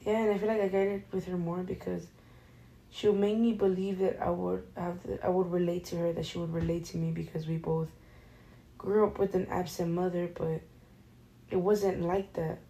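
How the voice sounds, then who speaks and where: A young woman co-hosting a casual podcast chat, talking softly and rambling with many fillers. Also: on the low side, level tone, normal speed, poor audio. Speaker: podcast co-host.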